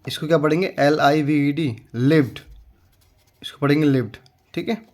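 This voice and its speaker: A man's voice: a little high, fairly even intonation, darkish tone. Patient man spelling out English words. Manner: slow, patient spelling out letter by letter; repeats words, checks in with frequent "okay". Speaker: English teacher. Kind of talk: Hindi-language English reading lesson.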